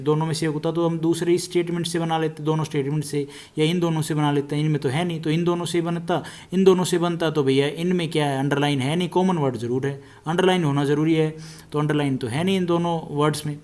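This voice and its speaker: A man teaching an exam-prep reasoning lesson, explaining step by step and slowly repeating each statement, with terms. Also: on the high side, fairly even intonation, a little mellow.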